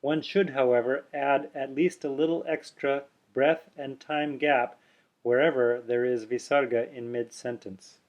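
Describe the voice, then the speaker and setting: A man gives an instructional lesson at an ordinary middle pitch, patient and explanatory. He breaks words into sounds and repeats them slowly and softly for demonstration. He talks straight to the camera in a calm, measured way. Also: dull audio. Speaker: Sanskrit pronunciation teacher. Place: indoors, on camera showing his mouth.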